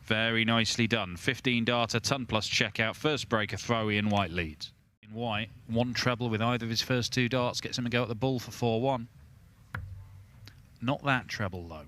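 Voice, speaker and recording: A man's voice: medium pitch, normal speed, sharp tone. A man giving live darts commentary as a sports commentator. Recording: faint venue noise behind commentary.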